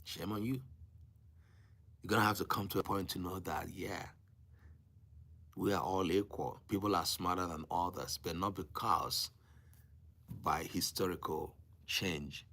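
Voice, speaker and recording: In an emphatic, sermon-like style, a teacher from Africa with a Nigerian accent and Igbo as his first language rouses his live-stream audience, repeating phrases and pausing deliberately. His deep voice sounds pushed and bright, with fairly even intonation.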